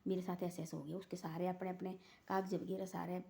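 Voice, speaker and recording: A woman's voice: on the low side, level tone, fairly quick, creaky, dark tone. A woman telling a moral folk story in a rambling, casual way, repeating "she said" between quoted lines.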